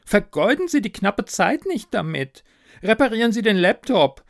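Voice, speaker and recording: A man's voice: high-pitched, sing-song, normal speed, gravelly, no echo, studio quality, pitched above the performer's own voice, heavily acted. A man voicing the fretful, self-pitying ghost of a dead product manager, nagging in a raised voice.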